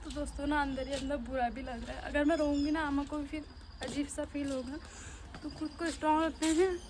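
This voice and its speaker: A woman's voice: high voice, fairly even intonation, brisk, background noise. A woman vlogging about family, speaking to her viewers in a tearful, heartfelt way, recorded on a phone at a village home. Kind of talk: emotional family vlog talk.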